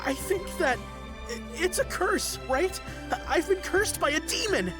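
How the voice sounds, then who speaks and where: A woman's voice: extremely high pitch, animated, measured pace. A woman voicing a frightened young villager in a video game who believes a curse has been laid on them, panicky and stammering. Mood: nervous. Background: game music.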